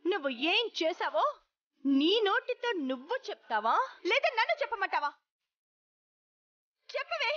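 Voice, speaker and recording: An actress playing an angry woman who shouts and accuses a relative in a TV serial, on dull TV audio. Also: extremely high pitch, very animated, moderate pace, long pauses, dry recording, heavily acted. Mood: bitter accusing. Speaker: Gundamma, accusing daughter-in-law. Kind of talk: Telugu TV serial acting.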